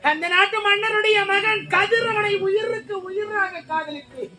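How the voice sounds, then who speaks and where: A woman's voice: unhurried, pushed and bright, full character voice. A woman playing a wailing, grief-stricken young maid. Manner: wailing lament, very high voice. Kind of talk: Tamil stage drama acting.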